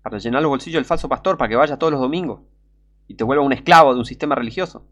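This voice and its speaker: A man with a Rioplatense Spanish accent preaching a sermon, urgent and pleading, sometimes breaking into shouts. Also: medium pitch, rapid-fire, muffled recording.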